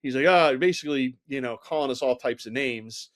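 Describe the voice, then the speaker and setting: A man's voice: medium pitch, a little fast. Middle-aged guy telling stories on an interview podcast, ordinary mid voice, lots of "you know", acts out the quotes. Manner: animated anecdotal telling, heavy use of "you know", acts out quoted dialogue. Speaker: guest, former Secret Service agent. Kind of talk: conversational storytelling interview.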